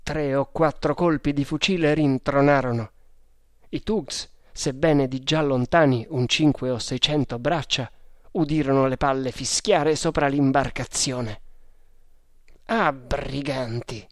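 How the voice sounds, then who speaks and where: A man reading an adventure story aloud in a measured, dramatic way. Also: medium pitch, steady tone, no echo, clean studio sound. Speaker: narrator. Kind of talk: audiobook narration.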